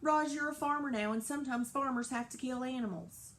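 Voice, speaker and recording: A woman voicing a stern middle-aged male farmer who yells, forceful and loud. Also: lowish voice, level tone, normal speed, vocal fry. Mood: angry. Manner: yelling, forceful.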